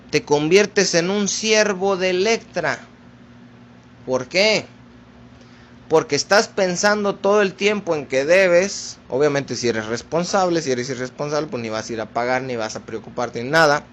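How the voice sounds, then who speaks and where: A preacher delivers his sermon at an unhurried, deliberate pace, calling his listeners brothers. His voice sits a little high for a man. A faint hiss runs under the recording. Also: a bit bright. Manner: addresses listeners as brothers, slow deliberate teaching.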